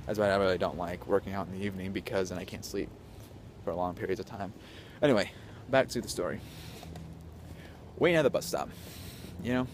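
A young man telling a story to a handheld camera on a city street at night, hyper and animated, dropping to whispers at times. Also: low voice, fairly quick, long pauses, background noise. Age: young adult. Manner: hyper, animated, swings between loud and whispering. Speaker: vlogger. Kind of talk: casual storytelling vlog. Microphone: handheld camera at arm's length.

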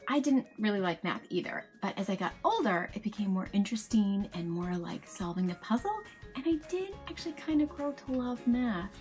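A high-pitched woman in her thirties reads a picture book aloud with lots of expression. She animatedly speaks to children, tossing in questions and asides.

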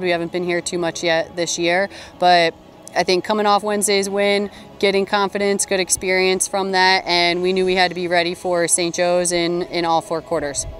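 A woman coach giving a postgame interview outdoors at a stadium, speaking into a handheld mic in a measured, upbeat way with frequent ums. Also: lowish voice. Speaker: head coach. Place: outdoor stadium by a sports field. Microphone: handheld interview mic held in front.

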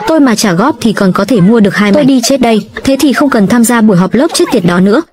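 A woman reading every role of a dubbed drama recap in an even, steady manner. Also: medium pitch, quick pace.

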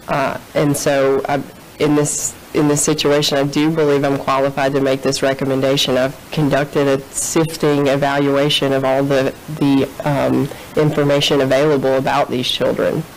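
A woman's voice: low voice, flat delivery, normal speed, poor audio. A woman in her thirties giving formal, careful testimony from a courtroom witness stand into a desk microphone.

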